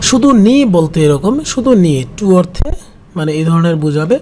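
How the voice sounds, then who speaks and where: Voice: mid-range voice, animated, moderate pace, background noise. A language teacher explaining kanji in a patient way, repeating each word several times.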